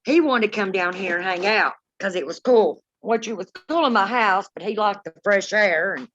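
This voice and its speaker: A woman's voice: mid-range voice, normal speed, a bit bright. Middle-aged woman, dull lo-fi sound. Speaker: paranormal live stream host. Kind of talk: casual chat and storytelling to live viewers. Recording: dull, lo-fi live stream audio.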